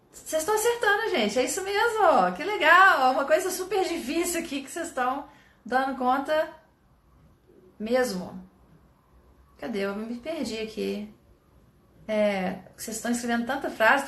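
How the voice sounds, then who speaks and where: A fairly high-voiced woman from Brazil teaches a live English lesson online, lively and encouraging as she reads out viewers' sentences. Her voice rings in an echoey room.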